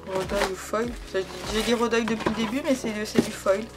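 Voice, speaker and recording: Woman crafting vlogger, gushy and chatty, medium pitch, clear background music under her voice. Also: steady tone, a little fast. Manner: gushing, enthusiastic, many fillers and repeats. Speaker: scrapbooking vlogger. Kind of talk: casual product unboxing chat.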